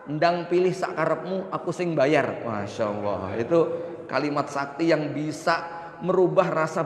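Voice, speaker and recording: Joking man preaching in an echoey mosque. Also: a little high. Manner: humorous, acts out husband and wife exchanges. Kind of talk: mosque lecture sermon. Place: mosque hall. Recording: echoey reverberant mosque hall.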